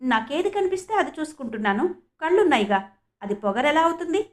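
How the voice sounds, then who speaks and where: A woman voicing a sharp-tongued young student who answers back defiantly and firmly. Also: sits high, very animated, fast talker, pitched above the performer's own voice. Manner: cutting, defiant, retorting. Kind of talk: audiobook character reading.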